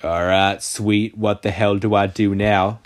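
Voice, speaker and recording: A man's voice: fairly low pitch, little pitch movement, a little slow. A man doing casual gameplay commentary, sarcastic and crude, mocking the game. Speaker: gaming channel host. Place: voice-over of a mobile game.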